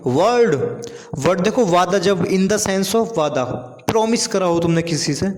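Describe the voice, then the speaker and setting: A man's voice: high-pitched, lively intonation, a little slow. A man teaching an English grammar lesson, saying each word twice and explaining it simply, with frequent checks like "okay". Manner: repeats each word, explains in simple terms, says "ठीक है" often. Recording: echoey room with long reverb.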